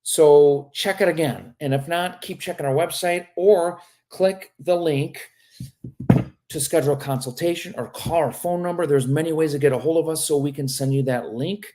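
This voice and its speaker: A man who works as an immigration lawyer reads viewer questions aloud on a live stream and answers them frankly and casually, often tacking on "okay?". His voice is fairly high and warm, with fairly even intonation and a moderate pace.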